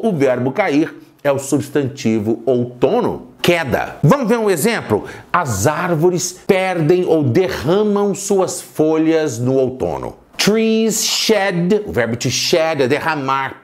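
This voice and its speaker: A man teaching an English lesson in Portuguese, slowly repeating English sentences for learners. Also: high-pitched, a little mellow. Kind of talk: bilingual language lesson.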